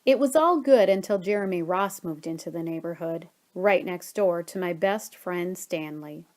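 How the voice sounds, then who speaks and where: A woman reading a children's story aloud expressively, with dramatic pauses and stretched key words. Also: on the low side, darkish tone.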